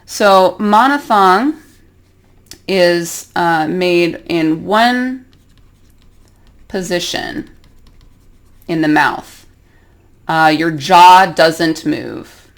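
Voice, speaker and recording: A woman's voice: fairly low pitch, expressive, drawn-out words, pauses often. A woman with an American accent teaching an English pronunciation lesson, carefully demonstrating each vowel sound.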